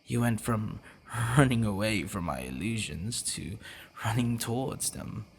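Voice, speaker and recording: In an intimate ASMR roleplay, a man plays a possessive, teasing, devoted vampire boyfriend, speaking hushed and breathy with hesitant pauses. His voice is on the low side and expressive, and his mood is adoring.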